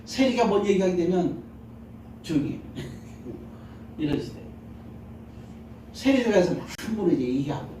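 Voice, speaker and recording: Animated preaching man in an echoing church. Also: high-pitched, moderate pace, pauses often, a little hiss or hum. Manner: lively preaching that acts out little scenes and asks the congregation questions. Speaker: pastor. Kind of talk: Sunday sermon. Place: large church sanctuary. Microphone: handheld mic. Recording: very echoey church hall, mic heard from a distance.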